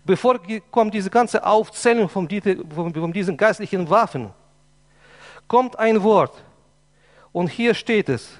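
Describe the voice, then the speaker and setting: A man's voice: sits high, animated, measured pace. A man preaching a sermon with impassioned, emphatic delivery, repeating phrases for weight, his German phrasing not quite native. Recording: long hall reverb.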